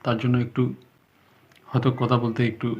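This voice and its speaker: A man teaching spoken English, speaking slowly and deliberately, often checking that listeners follow, unscripted and sometimes stumbling, with a Bengali accent. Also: mid-range voice, monotone, a little mellow. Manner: slow, deliberate explaining with frequent checks. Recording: slightly dull sound, faint background music.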